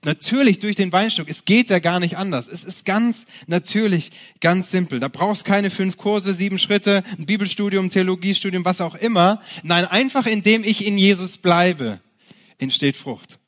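Lively, higher-voiced male pastor preaching. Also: normal speed. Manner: lively, direct, with many restarts and rhetorical questions. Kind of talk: sermon.

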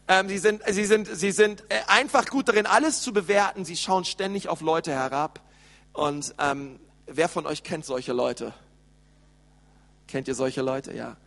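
Preacher with a high voice in a reverberant hall. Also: male voice. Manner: lively preaching, addresses the congregation directly. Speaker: pastor. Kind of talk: sermon.

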